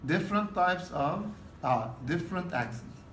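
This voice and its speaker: Teacher lecturing in an echoey classroom. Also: male voice, high voice, animated, normal speed, background noise. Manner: repetitive, checks in with "okay?". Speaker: exam prep teacher. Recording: roomy classroom from a distance.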